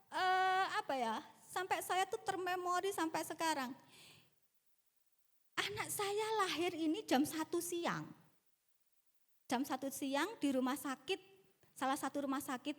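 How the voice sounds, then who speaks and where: A middle-aged woman pastor telling stories in a humorous sermon, teasing her congregation playfully. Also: high-pitched. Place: church hall in Bali. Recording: long church-hall reverb.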